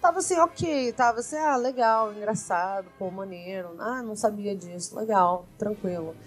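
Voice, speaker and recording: A woman's voice: mid-range voice, moderate pace, faint music behind. A woman with a Brazilian Portuguese accent co-hosting a podcast, chatting casually and trailing off into slangy asides. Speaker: podcast co-host. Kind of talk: casual chat.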